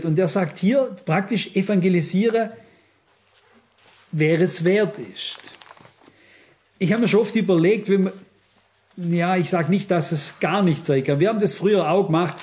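An older man with a Swabian accent preaches in a loose, conversational way, his voice sitting a bit high. He keeps turning to the congregation and hammers his points home by repeating them. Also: darkish tone. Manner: conversational, emphatic, repeats himself, addresses listeners directly. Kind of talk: informal sermon.

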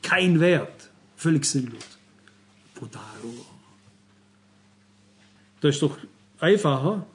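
A man's voice: on the high side, animated, measured pace. A man preaching a sermon to his congregation, emphatic and earnest, firing off repeated rhetorical questions and turning to his listeners with frequent asides.

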